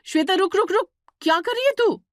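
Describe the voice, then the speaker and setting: A bossy elder sister-in-law in a cartoon story, as a woman narrator puts her on. She scolds loudly and shrilly, exasperated. Her voice is high and recorded dry and close. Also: lively intonation, fast, no room sound. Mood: scolding.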